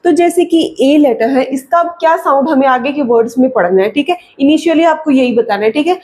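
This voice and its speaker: A woman with a high voice walks parents through a children's phonics lesson. She models each vowel sound by stretching it out, then asks and answers the same question again and again, checking in after nearly every line. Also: a little mellow. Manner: repeats questions and answers, frequent "ठीक है" check-ins; stretches sounds slowly when modelling them. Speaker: phonics teacher.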